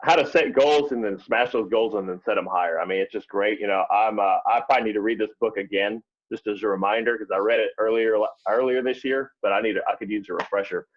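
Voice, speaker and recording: A man telling stories as a guest on a podcast, in a relaxed, easygoing way. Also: lowish voice, fast talker, few pauses. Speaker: podcast guest, real estate investor. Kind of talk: casual interview chat. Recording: dull lo-fi sound.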